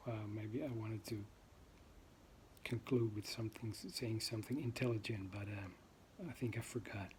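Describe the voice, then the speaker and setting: Talking off the cuff to camera in his debut vlog, this man from the Netherlands has a Dutch accent and searches for words, hesitating with plenty of ums and uhs. He speaks at a normal pace in a fairly low, slightly mellow voice with fairly even intonation. There's slight background noise.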